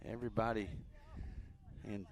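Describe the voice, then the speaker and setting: Low-voiced man calling youth soccer. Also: normal speed. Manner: relaxed, chatty, with frequent fillers. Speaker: play-by-play commentator. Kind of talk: live soccer commentary.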